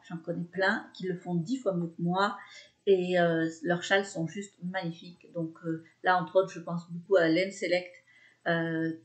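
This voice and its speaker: A woman in her thirties hosting a knitting podcast in a casual, chatty way, hesitating often with fillers and restarts. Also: on the low side. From France. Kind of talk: casual chat.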